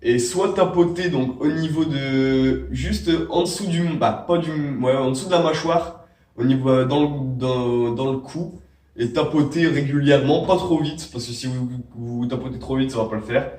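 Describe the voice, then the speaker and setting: A young man with a cold hosts a vape tricks tutorial, rambling through the casual how-to with lots of fillers and restarts. His voice sits in the mid range, a little mellow, at a normal pace. The room is echoey and the mic is some distance away.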